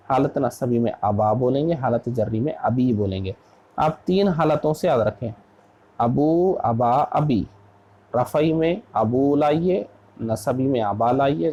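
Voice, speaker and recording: A man's voice: mid-range voice, mellow, poor audio. A man from India, an Islamic scholar teaching an Arabic grammar lesson, who patiently repeats each word form to drill it.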